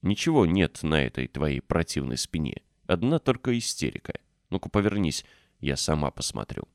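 A man's voice: rumbling low, sing-song, normal speed, creaky, dry recording, studio quality, exaggerated voice. A man reading an audiobook voices an angry, stubborn little girl who scolds fiercely. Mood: furious.

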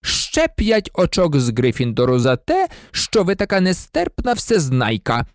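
An audiobook reader voicing a cold, sneering male professor with a slow, silky, menacing delivery. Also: medium pitch, sing-song, dry recording, clean studio sound, voice pushed up. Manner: icy, contemptuous.

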